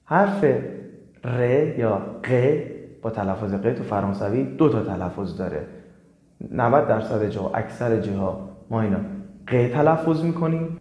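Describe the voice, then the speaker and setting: Persian-speaking man teaching French letters slowly. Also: on the low side, expressive, darkish tone, reverberant. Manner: spells letters slowly and repeats example words. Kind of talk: step-by-step alphabet lesson.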